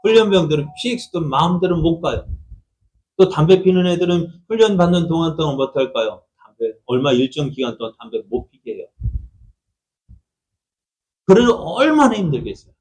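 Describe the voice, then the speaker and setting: Male pastor, middle-aged, fairly high voice. Chatty Sunday sermon with questions to the pews and acted-out quotes. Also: sing-song, a little fast, a little mellow, low-quality recording. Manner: conversational, asks the congregation questions; acts out quoted speech in a raised voice.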